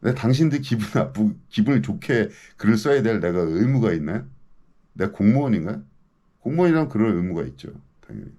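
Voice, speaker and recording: A man's voice: lowish voice, big pitch swings, a little fast, mellow. A man in his fifties, a local news commentator, delivering an indignant, ranting monologue and repeatedly demanding answers from his audience. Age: 50s.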